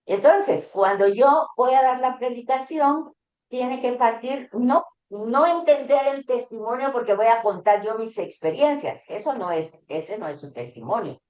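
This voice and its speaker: A woman with a fairly high voice gives an explanatory class talk. She speaks in halting phrases, restarting and repeating words as she works out her point, and she acts out dialogues when she tells anecdotes. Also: animated, a little mellow, echoey room.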